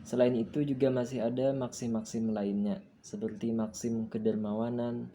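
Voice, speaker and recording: A young man presenting coursework as an explanatory lesson, working through points one by one in a steady, methodical way. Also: mid-range voice, moderate pace, a little hiss or hum, poor audio.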